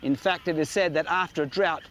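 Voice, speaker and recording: Male wildlife presenter, easygoing, slightly high voice, faint outdoor noise. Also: fairly quick, a bit bright. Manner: easygoing, talks to his dog. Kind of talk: presenting to camera.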